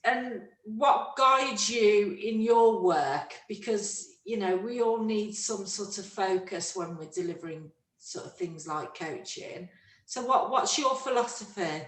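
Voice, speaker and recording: A woman's voice: mid-range voice, slow pace, a bit bright. A woman interviewer asking questions in a conversational style. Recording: roomy echo, distant from mic.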